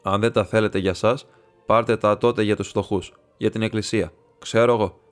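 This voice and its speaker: A man's voice: on the low side, fairly even intonation, faint music behind, natural voice. A man voicing a proud, scornful nobleman who makes a bitter, mocking confession. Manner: mocking and defiant.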